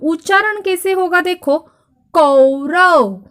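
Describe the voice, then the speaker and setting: A woman teacher giving a slow, clear grammar lesson to children, spelling words out letter by letter and calling each word out loudly for them to repeat. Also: sits high, animated. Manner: addresses children directly, asking them to repeat.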